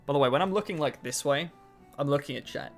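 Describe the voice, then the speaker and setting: Talking quickly in a slightly high voice, a twentysomething streamer keeps things casual and self-mocking, responding to chat between tasks. Faint music plays behind him.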